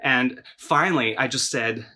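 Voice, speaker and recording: A melodramatic film-buff young man, mockumentary confessional, stammering and repetitive, bright forceful voice. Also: medium pitch. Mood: wry, aggrieved. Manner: halting, stammering, repeats words. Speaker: interview subject in a mockumentary.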